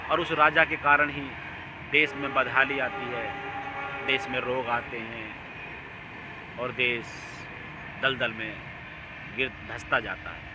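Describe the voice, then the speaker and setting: A man giving an impassioned, preachy monologue, his voice swinging from emphatic outbursts down to low, quiet lines. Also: steady tone, slow pace, long pauses, heavy background noise. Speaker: religious speaker.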